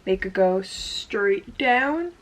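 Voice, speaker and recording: A woman with a mid-pitched voice chats through a how-to, loose and friendly, leaning on "like" as she goes. She talks to a camera set up in front of her indoors, with a faint hiss underneath. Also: lively intonation, very slow. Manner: chatty, with frequent "like" fillers. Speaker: hair tutorial vlogger. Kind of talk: casual step-by-step demonstration.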